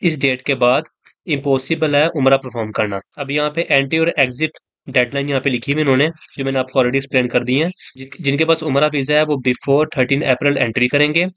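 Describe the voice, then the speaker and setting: A man's voice: mid-range voice, fairly even intonation, fairly quick, fairly bright tone, no room sound. A man from Pakistan, explaining things in a casual vlog, conversational and repetitive, mixing in English words. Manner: conversational, repeats points, mixes in English words. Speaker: vlogger. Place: in Saudi Arabia.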